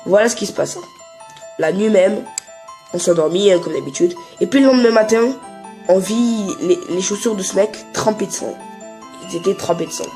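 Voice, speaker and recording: A man's voice: sits high, normal speed, dark tone, soft background music. A teenage boy chatting casually in a vlog, rambling and joking with lots of fillers and restarts. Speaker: YouTuber.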